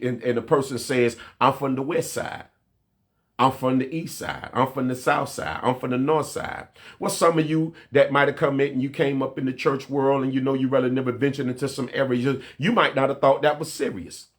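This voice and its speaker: A man preaching a sermon in a conversational, slang-filled way. He restarts and repeats phrases as he builds a point, and draws on his own past. His voice sits at an ordinary male pitch. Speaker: pastor. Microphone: livestream mic.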